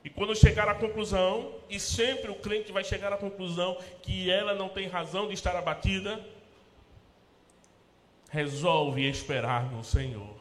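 A man with a Brazilian Portuguese accent, a pastor preaching a sermon in church, rising to loud emphatic peaks and dropping to soft, low asides. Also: a little hiss or hum. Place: church sanctuary. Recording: echoey church hall with long reverb.

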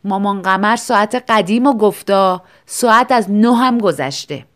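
A woman's voice: medium pitch, a bit bright, lightly acted. A woman doing a stern scolding mother.

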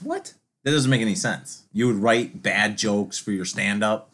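A man's voice: on the low side, a little slow, a bit bright, a little hiss or hum. A man in casual podcast banter, blunt and full of needling questions, recorded through a laptop's built-in microphone. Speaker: podcast co-host. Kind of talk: casual unscripted podcast chat. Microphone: built-in laptop microphone, no studio gear.

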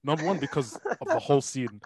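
A man hosting a podcast, chatting playfully with mock-formal lines and excited storytelling. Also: mid-range voice, fast, breathy edge, dry recording. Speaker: podcast host. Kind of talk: casual chat.

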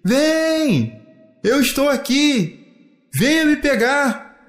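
A man voicing a playful youthful brother who calls out in a high voice. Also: very animated, drawn-out words, a bit bright, exaggerated voice. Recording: echoey room.

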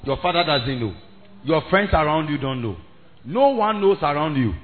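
Mixing English, Twi and Ghanaian pidgin, a man with a Ghanaian accent delivers a fervent evangelistic sermon in a fairly high voice with big pitch swings at normal speed. He repeats himself emphatically and builds to shouting. Faint music sits under a thin, phone-like recording.

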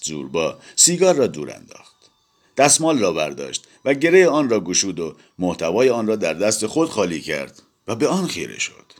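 Deep-voiced man narrating a story. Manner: expressive storytelling. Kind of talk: audiobook narration.

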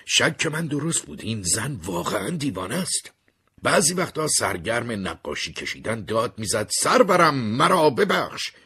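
A man tells a story in the first person with a very husky, breathy voice. His low voice rises and falls with lively, dramatic expression. The delivery has the feel of an expressive retelling. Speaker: narrator.

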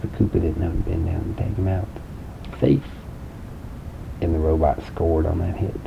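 Low-voiced man telling a playful story. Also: fairly even intonation, moderate pace, gravelly. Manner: playful, with sound effects and questions to the listener. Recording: dull lo-fi home recording with faint rumble.

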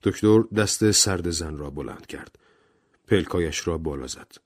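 A man narrating an audiobook novel in an expressive, dramatic reading style. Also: low-pitched, no echo, clean studio sound.

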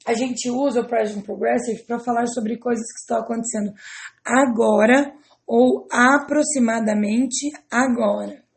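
Brazilian woman teacher, patient and methodical, a fairly high voice with a gravelly edge. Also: darkish tone. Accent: Brazilian Portuguese. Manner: patient, step-by-step explaining with checking tags. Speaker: English teacher. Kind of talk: explaining grammar to students.

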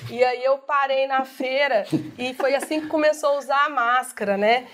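A woman's voice: sits high, moderate pace, a little hiss or hum. A woman telling a funny story in a casual group chat, laughing as she goes. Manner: laughs while telling, lively and animated. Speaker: guest storyteller.

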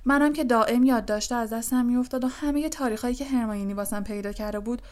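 A woman voicing a huge, gentle male gamekeeper who blames himself, in an audiobook. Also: on the high side, close to an everyday voice. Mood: despairing. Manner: sorrowful, self-blaming. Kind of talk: audiobook character voice.

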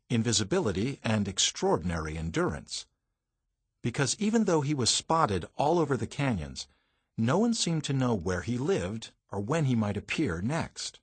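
A man's voice: fairly low pitch, husky, dry recording. A man reading a first-person audiobook, telling the story in a dramatic, vivid way. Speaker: audiobook narrator.

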